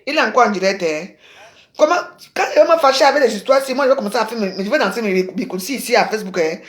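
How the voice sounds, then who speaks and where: Woman, home phone livestream, rambling and excitable, very lively pitch. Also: fast talker. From Cameroon. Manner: excitable, rambling, breaks into exclamations. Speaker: live streamer. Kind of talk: casual Facebook live chat.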